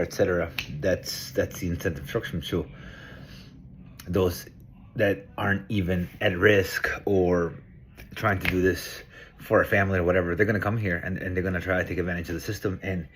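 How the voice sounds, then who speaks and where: Man from Peru, very low voice, middle-aged, earnest vlogger thinking aloud to camera. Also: a little hiss or hum. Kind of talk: casual monologue to camera.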